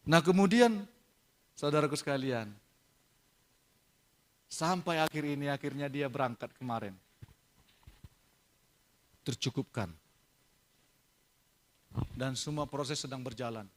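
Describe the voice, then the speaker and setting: A middle-aged man preaching a sermon as pastor, moving from soft, confiding storytelling to loud, emphatic proclamation. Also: mid-range voice, takes it slowly, pauses often, a little hiss or hum.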